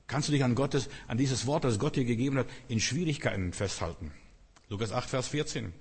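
A man's voice: medium pitch, a little fast, a little mellow, breathy edge. A man preaching a sermon in an earnest, direct way, asking the listeners rhetorical questions. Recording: long reverb of a large hall.

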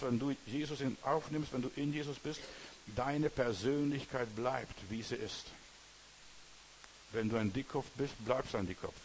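A man preaches earnestly, speaking straight to the listener and repeatedly asking "verstehst du" to check they follow. His mid-range voice is a little mellow, and the rough recording has some hiss or hum.

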